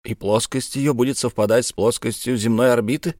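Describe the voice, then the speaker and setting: A man voicing an earnest young male navy lieutenant who asks measured, probing questions in an audiobook. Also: mid-range voice, steady tone, darkish tone, dry recording, clean studio sound, natural voice.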